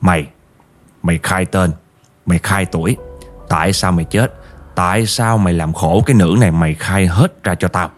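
A man's voice: deep voice, moderate pace, soft background music, lightly acted. Man doing a stern old exorcist. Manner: harsh, scolding, blunt orders. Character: stern older male exorcist, commanding and threatening.

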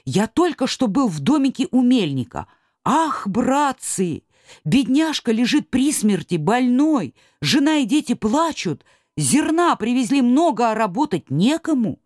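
A woman voicing an excited tiny male elf who bursts in with news, exclaiming breathlessly. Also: on the high side, a little slow, dry recording, studio quality, pitched above the performer's own voice. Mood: alarmed.

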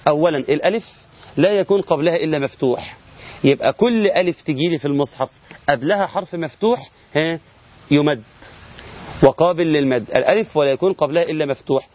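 Speaking fast in a fairly high pitch and pausing often, a middle-aged man with an Egyptian Arabic accent explains Quran recitation rules step by step in a recorded lesson. He answers his own questions and elongates example words, and the audio is dull.

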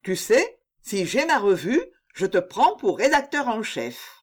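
Sulky scheming schoolmaster, grumbling and slow, played by an audiobook reader. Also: medium pitch, sing-song, voice pushed up. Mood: coaxing. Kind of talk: audiobook character voice.

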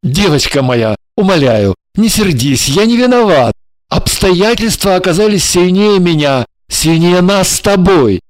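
A woman voices a scheming man in an audiobook, his voice pulled down low and set apart from the narration. He coaxes and stalls in a drawn-out, placating way, with plenty of rise and fall. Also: very animated, no room sound, exaggerated voice. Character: scheming male lover, smooth and evasive. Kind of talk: audiobook character voice.

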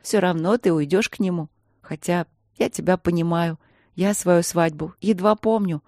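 A woman reading the part of a calm, fatalistic young sister who speaks softly, in a measured and reassuring way. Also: fairly low pitch, dry recording, clean studio sound, close to an everyday voice. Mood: calm gentle.

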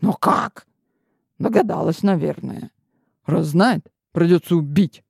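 A woman putting on gravelly menacing hooded men. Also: mid-range voice, lively intonation, measured pace, no echo, studio quality. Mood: harsh. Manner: harsh, mocking. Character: hooded male cult members, menacing and cold. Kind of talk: audiobook character voice.

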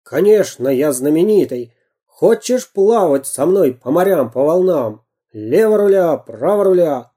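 A storyteller voicing a boastful, gruff pirate captain in a storybook reading, blustering and barking. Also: medium pitch, animated, measured pace, warm tone, pitched above the performer's own voice.

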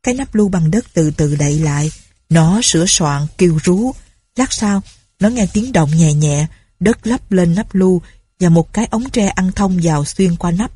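A woman reads an audiobook story aloud. Her voice is low, mellow and husky, and the recording is dry and close. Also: moderate pace, dry recording. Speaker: narrator. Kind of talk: audiobook narration.

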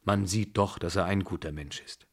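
A man puts on a worn-out old grandmother for a radio reading of a novel, her voice slow, heavy and subdued, pitched lower than his narrating voice. She is still used to giving orders. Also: steady tone, slightly rough. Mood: tired, imperious. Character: old rich grandmother, imperious yet weary.

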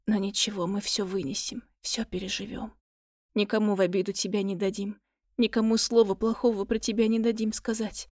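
Woman reading a hoarse, soft-voiced grieving mum, quiet and dry. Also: medium pitch, little pitch movement, a little fast, no room sound, lightly acted. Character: grieving mother at a hospital bed.

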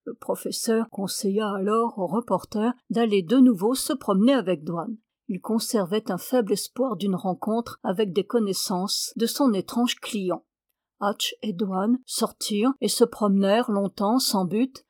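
A woman's voice: medium pitch, a little slow, darkish tone, no room sound. Woman narrating a novel, dry close sound. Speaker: audiobook reader.

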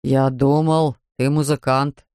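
A woman's voice: a bass voice, level tone, slow, darkish tone, no room sound, clean studio sound, voice pushed down, exaggerated voice. A woman voicing a grumpy middle-aged man in a queue, in a storybook reading. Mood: grumbling. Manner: gruff, grumbling.

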